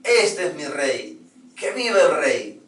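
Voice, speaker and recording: A man voicing an eager subject who cheers for his king in slow, drawn-out calls. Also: fairly high pitch, sing-song, a bit bright, roomy sound, distant mic, heavily acted, low-quality recording. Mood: adoring.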